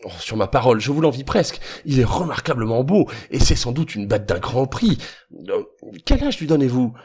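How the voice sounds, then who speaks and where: A man's voice: mid-range voice, sing-song, fairly quick, darkish tone, slightly rough, pitched above the performer's own voice. A man reading an audiobook, voicing a sly, assured male detective with a cordial, persuasive manner.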